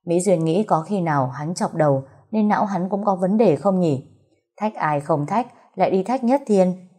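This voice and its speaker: Woman narrator, romance audiobook, steady, low-pitched, mellow. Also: normal speed, breathy edge. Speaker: storyteller.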